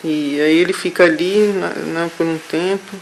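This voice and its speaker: A man haltingly recounting a vision during a therapy session, with many restarts. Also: fairly high pitch, steady tone, gravelly, slight background noise, rough recording. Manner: halting, hesitant, full of restarts. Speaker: therapy client.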